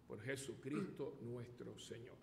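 Slow priest praying in cathedral echo. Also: male voice, medium pitch, steady tone, gravelly. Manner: measured, solemn, phrase by phrase. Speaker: priest celebrating Mass. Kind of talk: slow liturgical prayer. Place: church sanctuary, indoors. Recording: echoey church hall, long reverb, background noise.

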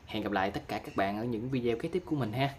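A man giving a patient step-by-step app tutorial, filling pauses with short fillers. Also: medium pitch, animated. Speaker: tutorial vlogger. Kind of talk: casual screen-recorded app tutorial.

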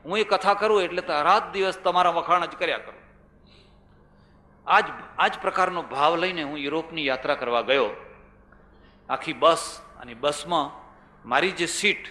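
An older man with a Gujarati accent delivers a religious sermon, spinning stories and driving points home with repetition and rhetorical questions. His voice is bright and forceful. It rings out through a large, echoey hall with a long reverb tail. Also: fairly high pitch, moderate pace, long pauses. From India. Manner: storytelling, rhetorical questions, repeats phrases for emphasis. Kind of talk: religious discourse to an audience.

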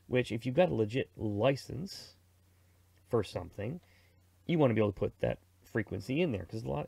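A middle-aged man who works as a radio reviewer and presenter gives a casual, rambling product review and how-to talk in an informal, conversational way. His voice is fairly low, gravelly, and a little mellow, recorded dry.

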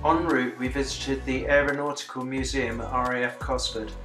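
Loud music plays behind a British veteran in his sixties as he narrates, reflectively, his video diary of a commemorative bike ride. He speaks plainly and with dry understatement, his medium-pitched voice showing little pitch movement at normal speed, in an echoey room.

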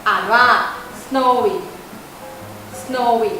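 A woman teacher giving a playful vocabulary lesson for children, acting out little skits and spelling words slowly. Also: a little high, fairly even intonation, fairly bright tone. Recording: echoey, recorded from a distance, faint music.

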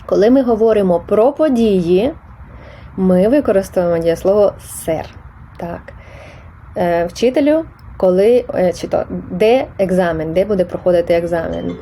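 A woman's voice: on the low side, moderate pace, mellow, slight background noise. Patient woman teaching Spanish grammar. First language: Ukrainian. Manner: patient, explanatory, with small hesitations. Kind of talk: explaining test answers.

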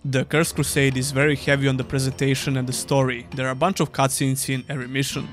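A man's voice: mid-range voice, flat delivery, quick pace. A young man giving a scripted, dryly sarcastic voice-over review of an old game. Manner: dry, sarcastic. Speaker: gaming YouTuber.

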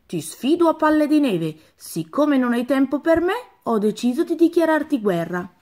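A woman's voice: sits high, sing-song, normal speed, mellow, voice pushed up. A woman voicing a playful, teasing young princess and younger sister in a children's storybook reading.

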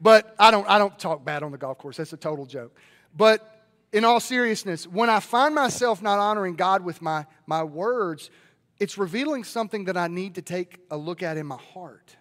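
High-voiced Southern pastor preaching in a hall. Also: male voice, moderate pace. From Mississippi. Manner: lively, swings from loud to hushed. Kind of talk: sermon. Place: large church hall. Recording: long reverb of a large hall.

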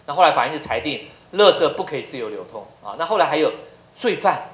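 A man's voice: a little high, sing-song, fast talker. A middle-aged man from Taiwan, a professor giving a lecture full of humorous anecdotes and rhetorical questions. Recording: roomy lecture hall.

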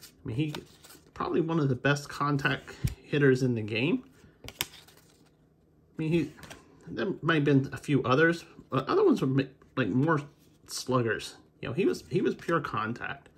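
With big pitch swings, a slightly high voice, normal speed and long pauses, an American man chats about the card packs he's opening. Faint background noise is present. He's a baseball card collector and video host, unscripted and a little rambling as he thinks aloud.

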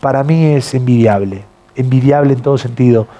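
A man whose accent blends Argentine and Bolivian Spanish, a TV news presenter appearing as a guest in a casual interview, tells stories with animation and acts out the voices of the people in them. His voice is mid-range and a little fast.

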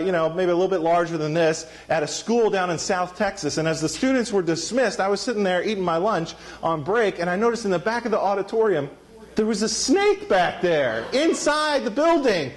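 High-voiced playful preacher. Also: male voice. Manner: playful, joking with the congregation. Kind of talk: sermon. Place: church sanctuary.

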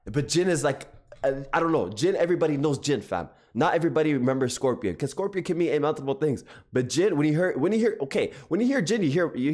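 An animated young man talks casually to his live-stream audience, reacting and repeating phrases. His voice sits a bit high and swings widely in pitch.

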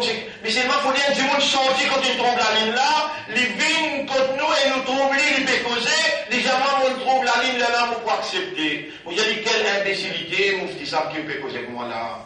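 A man preaching a Ramadan sermon, swinging between loud declarations and quiet asides, recorded from far off in an echoing hall. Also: extremely high pitch, moderate pace.

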